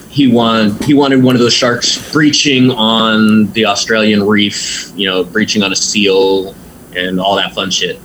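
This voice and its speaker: Laid-back male tattoo artist, low voice, rambling and profane, slight background hiss. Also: fairly bright tone, rough recording. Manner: laid-back, swears freely, rambling with many ums. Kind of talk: casual storytelling interview.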